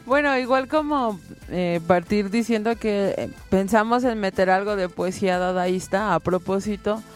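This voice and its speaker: Female radio host, middle pitch, rambling explainer with fillers. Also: moderate pace, soft background music. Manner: explains at length with many fillers. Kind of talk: poetry reading and radio chat.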